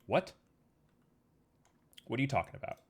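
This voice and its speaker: While working at a computer on a 3D model, a male livestreamer chats with his audience at a normal speed. His talk is relaxed and meandering, packed with fillers, and he sounds slightly sniffly.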